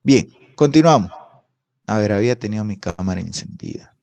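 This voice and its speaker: A man's voice: on the low side, expressive, normal speed, vocal fry, dark tone. A man teaching a language class over a video call, explaining patiently and often checking in with a questioning "right?". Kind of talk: online class lecture. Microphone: video call microphone.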